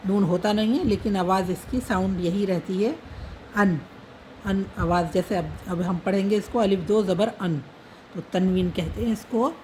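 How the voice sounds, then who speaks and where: A woman's voice: medium pitch, normal speed, mellow, slight background noise, low-quality recording. A woman teaching how to write Urdu letters, patiently naming each letter and dot as she writes. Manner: patient, repeats letter names while writing. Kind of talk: slow step-by-step writing lesson.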